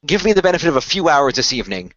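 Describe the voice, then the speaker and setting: Very fast and very animated, a little high and fairly bright: a man improvising a radio play as an earnest male company recruiter selling a secret magical project. He sounds reassuring and persuasive, formal and wordy, hedging carefully, on a dull lo-fi voice recording.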